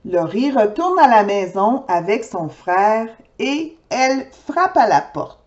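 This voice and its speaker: A woman's voice: a little high, dull audio, slight background noise. A woman reading a children's picture book aloud, talking straight to young listeners. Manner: lively, slow and expressive, talking directly to children. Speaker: storyteller. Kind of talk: children's storybook read-aloud.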